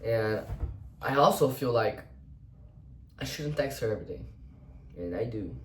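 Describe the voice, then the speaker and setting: A young man, a vlogger whose first language is Portuguese, thinks aloud in English in an unscripted personal monologue, rambling, often restarting and swearing casually now and then. His mid-range voice is animated and a little slow. He sits far from the mic, so the recording has a roomy echo plus a bit of hiss or hum.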